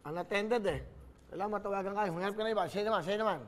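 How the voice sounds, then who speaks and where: Loud urgent game show host. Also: male voice, sits high, racing, in a large hall, a little hiss or hum. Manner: loud, urgent and coaxing on the phone. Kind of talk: live phone-in game show banter.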